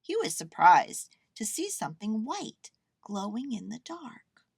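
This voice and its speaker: A woman narrating a children's picture book aloud, expressive and carefully phrased for young listeners. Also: fairly high pitch, measured pace, vocal fry, slightly rough, no room sound, clean studio sound. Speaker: children's storyteller.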